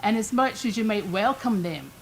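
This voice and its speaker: An older woman with a Scottish accent speaks at a council meeting microphone. Her manner is chatty and folksy, and her voice sits at a middling pitch. A faint background hiss runs under her words. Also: animated, moderate pace, creaky, rough recording. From Scotland. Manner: chatty, homely, lightly self-deprecating. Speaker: resident giving public comment. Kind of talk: public comment at a council meeting.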